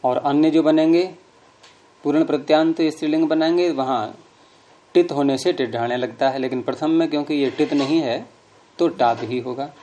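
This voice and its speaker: A man's voice: a little high, fairly even intonation, normal speed, dark tone. A middle-aged man teaching a grammar class, explaining patiently and quizzing his students. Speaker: Sanskrit teacher.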